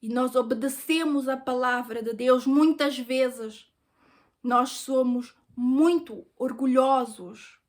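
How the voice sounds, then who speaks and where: High-voiced European Portuguese woman testifying. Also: fairly even intonation, slow pace. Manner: earnest, emotional storytelling. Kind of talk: personal testimony.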